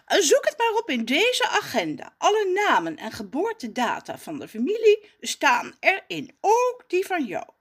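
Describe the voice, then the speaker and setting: A woman's voice: very high-pitched, wildly swooping pitch, a little slow, hardly any pauses, pitched above the performer's own voice, heavily acted. A woman voicing Jacques, a pompous, posh male cousin in a storybook who talks down to others and teases. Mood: snooty. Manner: posh, condescending, mocking. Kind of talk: storybook character voice.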